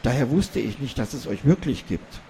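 A man's voice: medium pitch, animated, normal speed, dark tone, slight background noise, voice pushed up, lightly acted. A man doing a timid young boy. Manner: stammering, astonished questions.

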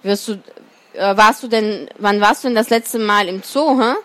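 A woman's voice: medium pitch, normal speed, lightly acted. A woman voicing a big, grumbling bear in a storybook reading.

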